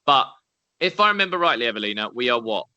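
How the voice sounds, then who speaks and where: A man's voice: mid-range voice, very animated, quick pace, bright, forceful tone, no room sound, dull audio. A young man, co-hosting a casual podcast in an upbeat, encouraging, chatty way. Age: 20s. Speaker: podcast co-host. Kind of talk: casual chat. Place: at home, indoors.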